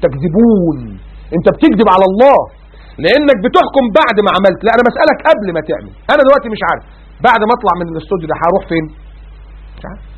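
Rapid-fire Egyptian preacher, husky and high. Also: male voice. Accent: Egyptian Arabic. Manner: animated, rhetorical questions, quotes scripture. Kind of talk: religious talk show sermon. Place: studio. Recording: narrow phone-like band.

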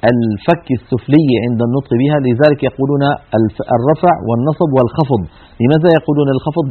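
A man's voice: a little high, breathy edge. A man teaching a broadcast lesson on Quran recitation, explaining vowel sounds and demonstrating them by drawing them out. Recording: tinny phone-like broadcast audio.

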